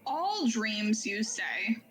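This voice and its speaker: Woman tabletop player, higher voice, casual improv, bit of music behind. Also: big pitch swings, extremely slow. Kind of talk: casual improvised role-play.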